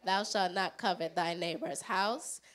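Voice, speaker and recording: A woman's voice: lowish voice, measured pace, a bit bright. A woman steadily reciting a formal scripture passage. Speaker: scripture reader.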